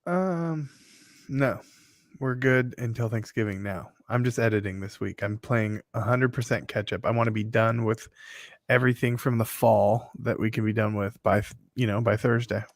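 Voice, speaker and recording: A man's voice: medium pitch, moderate pace, dry recording, clean studio sound. A man chatting casually as a co-host in a matter-of-fact, plain-spoken way. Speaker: podcast co-host, working photographer. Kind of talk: casual chat.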